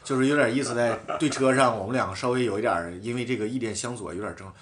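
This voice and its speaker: Fast guy telling race stories, gets animated, swears a bit. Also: medium pitch. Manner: animated, swears casually, acts out quotes. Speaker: professional cyclist guest. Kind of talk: casual storytelling chat.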